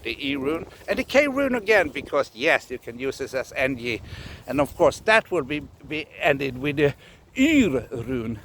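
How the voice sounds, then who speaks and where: A man from Scandinavia, teaching casually in a halting way, often repeating himself and laughing. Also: a little high, animated, a bit bright, a little hiss or hum. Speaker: runologist teacher. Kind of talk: casual explanatory lesson.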